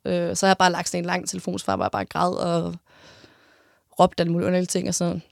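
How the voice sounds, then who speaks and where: Young woman, interviewee, vocal fry, halting speech with restarts, dry close sound. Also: fairly low pitch, level tone, dry recording. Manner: halting, with many restarts and pauses. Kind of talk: personal storytelling in an interview.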